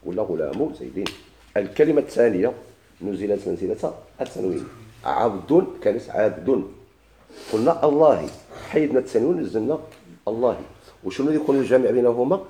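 A man's voice: mid-range voice, warm tone. A man with a Moroccan Arabic accent teaching a classical grammar lesson. He quotes verses, then explains them step by step and puts questions to his students.

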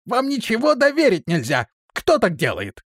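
An actor playing a brash, reckless male wizard-guard who shouts boisterously in a storybook reading. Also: a little high, huge pitch swings, measured pace, no echo, studio quality, voice pushed up, exaggerated voice. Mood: rowdy.

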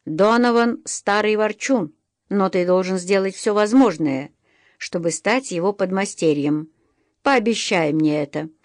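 A woman voicing a gruff middle-aged male blacksmith master in an audiobook, speaking a little hurt but encouraging. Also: medium pitch, measured pace, no room sound, studio quality, lightly acted. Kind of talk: audiobook reading.

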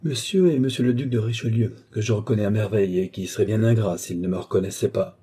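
A man's voice: lowish voice, fast talker, warm tone, slightly rough. A man reading aloud and voicing a suave, courtly sorcerer who speaks with sly assurance in an audiobook.

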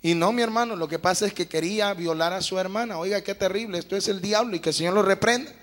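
A man's voice: sits high, fast talker, fairly bright tone. A man preaching an emphatic sermon, reading scripture aloud and calling his listeners brother. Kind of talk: fiery sermon with Bible reading. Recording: echoey hall, faint music.

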